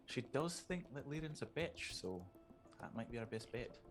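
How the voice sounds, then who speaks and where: A woman playing a tabletop game, talking casually with lots of halting restarts and some swearing. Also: rumbling low, animated, soft background music. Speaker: player. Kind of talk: casual tabletop role-play.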